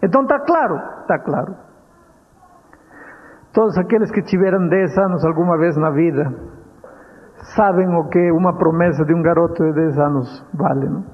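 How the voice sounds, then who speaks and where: A male preacher telling a story in a sermon, dramatic and drawing out key words slowly. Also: fairly high pitch. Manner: dramatic, with slow deliberate stretches. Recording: dull radio sound with long hall reverb.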